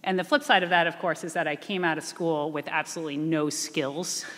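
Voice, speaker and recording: A woman's voice: sits low, fairly quick, fairly bright tone. A woman answering as a panelist, poised and upbeat with some restarts. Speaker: chief investment officer. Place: reunion event hall. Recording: echoey hall.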